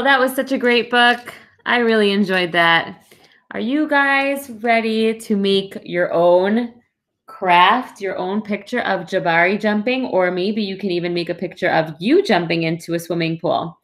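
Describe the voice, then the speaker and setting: A woman's voice: mid-range voice, measured pace, a bit bright. A woman presenting a craft to young children step by step, explaining simply and reassuringly.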